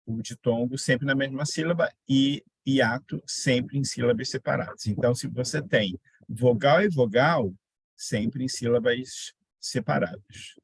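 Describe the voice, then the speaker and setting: A man's voice: mid-range voice, unhurried, gravelly, husky, dry recording. A man teaching a grammar lesson, repeating example words and quizzing his students. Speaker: Portuguese teacher. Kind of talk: online exam-prep grammar lesson.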